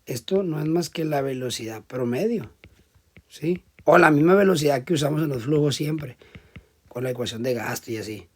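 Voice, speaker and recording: A male teacher lectures his class at normal speed in a voice on the high side. He explains things step by step and checks in with students often, his volume shifting between loud emphasis and quiet asides.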